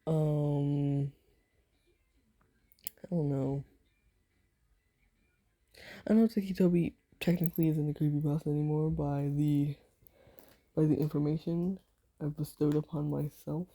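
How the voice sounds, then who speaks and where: A woman chatting casually before an ASMR role-play, rambling and soft-spoken, sometimes slipping into a whisper. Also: deep voice. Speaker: ASMR voice actor.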